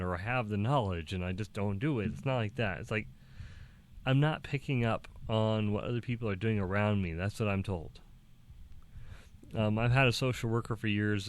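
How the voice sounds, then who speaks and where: A young man talking casually to the camera, halting and restarting, with small laughs between thoughts. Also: lowish voice. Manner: acts out quoted dialogue in a raised voice. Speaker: vlogger.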